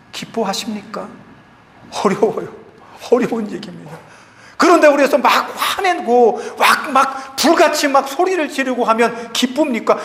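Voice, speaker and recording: A man's voice: very high voice, creaky, a bit bright. A man preaching a sermon as pastor, his voice rising and falling with emotion. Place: church sanctuary. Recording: church hall reverb, faint room noise.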